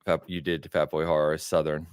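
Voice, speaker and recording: An American man hosting a gaming podcast, relaxed and chuckling as he thanks viewers. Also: a bass voice, moderate pace, clear, resonant tone, no echo, clean studio sound. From United States. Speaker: podcast host. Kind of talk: casual podcast chat.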